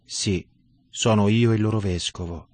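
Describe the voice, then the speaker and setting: A man reading the lines of a humble old bishop martyr, speaking low, soft and steady. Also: a little slow, no echo. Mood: calm, resolute.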